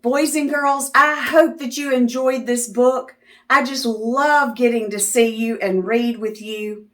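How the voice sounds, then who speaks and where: Slow and a bit bright, with fairly even intonation, this fairly high-pitched woman reads a picture book to young children. She's the host of children's videos, and her sing-song, teacherly delivery includes asking questions and affirming answers.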